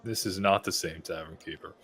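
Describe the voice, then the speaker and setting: A man's voice: low-pitched, fairly quick, pushed and bright. A man playing a tabletop role-playing game in casual, half in-character table talk.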